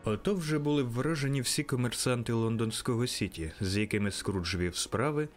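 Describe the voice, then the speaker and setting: A man narrating an audiobook in a measured, expressive reading. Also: mid-range voice, faint music behind.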